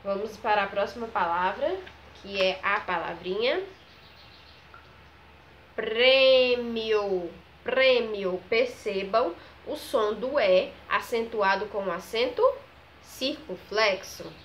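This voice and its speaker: A primary school teacher with a mid-range voice leads a grammar lesson for children, speaking slowly and drawing out each example word. She keeps checking in with the class, and a little hiss or hum is audible.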